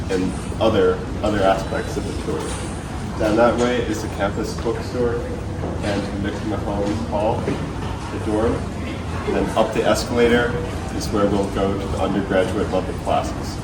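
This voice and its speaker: Low-voiced young man giving a campus tour. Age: young adult. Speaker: student campus tour guide. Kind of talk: guided tour narration. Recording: clear background noise.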